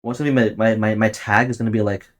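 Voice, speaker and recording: Speaking fast in a fairly low voice with fairly even intonation, a man on the verge of twenty runs a solo podcast. Tagalog is his first language, and his loose monologue is packed with profanity and laughter at his own jokes.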